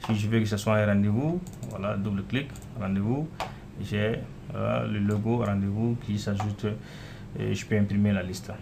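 Low-voiced man walking through software. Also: fairly even intonation, moderate pace, vocal fry, noisy background. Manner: casual, repeats "voilà" and "euh" while clicking through. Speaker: software developer demonstrating his app. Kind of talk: screen-recorded software walkthrough.

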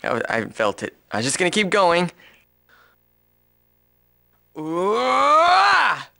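A man's voice: a little high, very animated, a little fast, a bit bright, dry recording, studio quality. A man reading video game dialogue aloud in a playful, dramatic way. He giggles often and stumbles, then retakes his lines. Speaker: let's play gamer voicing dialogue.

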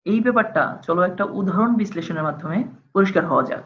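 A woman's voice: fairly low pitch, fast talker. Patient woman teaching a recorded lesson. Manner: patient, step-by-step, addresses students directly. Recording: dull lo-fi recording.

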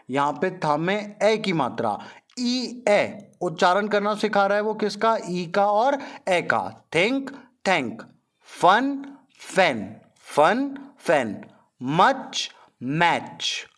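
A man teaches a children's English lesson, speaking slowly and stretching each English word. His voice sits fairly high for a man, and he repeats every question before he answers it. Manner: slow, repeating questions then answering them; drawn-out syllables on English words. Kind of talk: explaining a textbook lesson.

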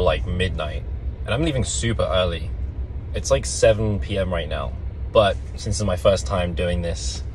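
A man's voice: low-pitched, poor audio. A young man chatting casually as a travel vlogger, talking into a phone camera from inside a car. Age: young adult. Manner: relaxed, chatty, explaining as he goes. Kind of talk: casual travel vlog talk. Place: inside a car and around a ferry terminal. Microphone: phone held or dash-mounted. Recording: phone recording with clear background noise.

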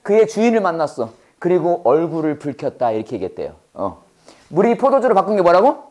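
This teacher's Bible English lecture switches back and forth between Korean and English, with a playful style full of puns, rapid questions to the class, and key words repeated for students to call back. The mellow, middle-pitched voice swings widely in pitch.

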